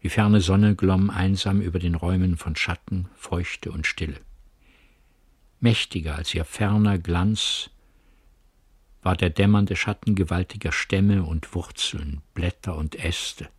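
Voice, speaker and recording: A man narrates a literary radio drama in a measured, grave storytelling manner. His voice is low and husky. The recording is dry and close, with no room around it. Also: fairly even intonation, no room sound.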